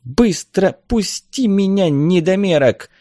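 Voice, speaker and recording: A man voicing a haughty, angry woman in a storybook reading, sharp and scornful. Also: mid-range voice, big pitch swings, takes it slowly, no room sound, pitched above the performer's own voice.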